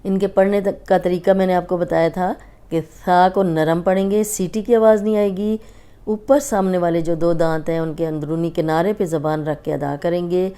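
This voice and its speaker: A woman teaching Quran letter pronunciation with a Pakistani Urdu accent, speaking slowly and patiently as she draws out each sound. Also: lowish voice, steady tone, mellow, clean tone. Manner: patient, drawn-out letter recitation and explanation. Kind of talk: slow instructive lesson.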